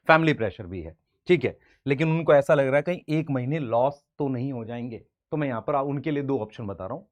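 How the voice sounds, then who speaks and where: A man in his thirties, a coaching teacher from India, giving earnest advice straight to camera. He calls his students "beta" and acts out their replies. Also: mid-range voice. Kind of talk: direct-to-camera advice talk.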